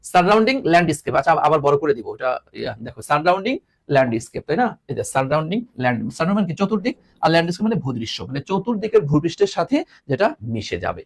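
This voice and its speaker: Man, English grammar tutor, fairly high voice, lively and animated, repeats each point, teasing asides. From Bangladesh. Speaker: English teacher. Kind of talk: video lesson explaining grammar.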